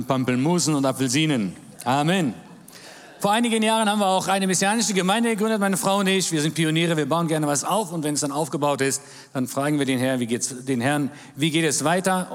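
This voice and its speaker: A man in his forties, born in Germany, giving a church talk as a guest speaker in a jovial manner with jokes and amens. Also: medium pitch. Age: 40s. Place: large church hall. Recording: reverberant church hall.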